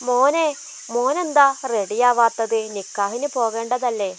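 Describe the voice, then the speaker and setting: A woman voicing a gentle, caring older stepmother who coaxes and comforts her stepson. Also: fairly high pitch, measured pace, slight background noise, natural voice. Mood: affectionate. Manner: tender, coaxing.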